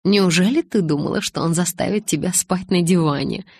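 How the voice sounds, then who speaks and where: A woman's voice: lowish voice, fairly quick, creaky, darkish tone, husky, no room sound. A woman voicing a playful, teasing young woman in an audiobook, reading her lines light and sly. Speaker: audiobook reader.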